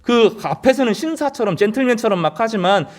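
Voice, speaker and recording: Animated male pastor preaching. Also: high-pitched, brisk. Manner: earnest preaching with rising emphasis and frequent "어" fillers. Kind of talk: sermon.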